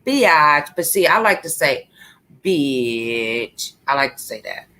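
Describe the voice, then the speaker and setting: Woman on a live stream, slow talking, cussing and laughing, kinda low voice. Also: a bit bright. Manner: profane, laughing, talks straight to viewers. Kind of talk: casual live-stream rant.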